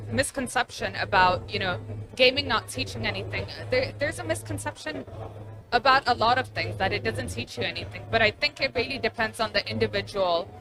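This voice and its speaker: Young woman gamer chatting away, kinda high voice, lots of likes and uhs. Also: low-quality recording. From born in Abu Dhabi, Pakistani family, raised partly in Texas. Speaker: gamer guest. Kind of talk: casual interview.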